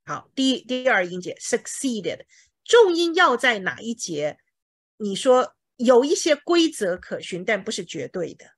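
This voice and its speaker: A woman teacher with a lively, swooping voice, a little high for a woman. She patiently explains pronunciation and repeats words slowly, syllable by syllable, for her class. The sound is dry and close. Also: no echo. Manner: explains patiently with homely comparisons. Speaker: English teacher. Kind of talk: language lesson.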